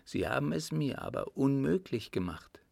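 A man reading an audiobook, voicing a rich, resolute widowed countess in a raised, softly confiding voice. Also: mid-range voice, very animated, normal speed, gravelly, no echo, pitched above the performer's own voice, heavily acted.

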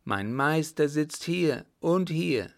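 A wailing, half-mad young baron cries out in high, strained bursts, as a male narrator puts him on. His voice carries a gravelly edge and drags slowly through the raving. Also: animated, heavily acted. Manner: shrill, wailing, anguished outbursts.

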